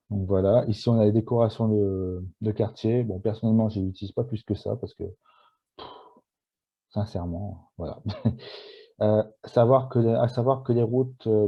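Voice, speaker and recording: A man's voice: on the low side, slightly rough. A shy, nervous man talking through a video game on screen, with many fillers and restarts. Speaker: gameplay video maker. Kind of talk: casual game walkthrough. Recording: dull lo-fi sound.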